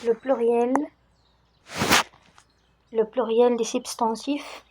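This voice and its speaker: A woman's voice: on the high side, flat delivery, extremely slow, noisy background. A woman vocabulary in to a class, repeating each word several times and urging the learners to repeat after her. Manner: coaxes the class to repeat louder. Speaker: English teacher.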